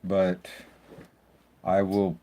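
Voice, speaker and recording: A man's voice: deep voice, completely flat delivery, very slow, mellow. A man hosting a casual tech walkthrough, rambling and thinking aloud as he works at his computer. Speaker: tech video host. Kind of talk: casual screen-recording walkthrough.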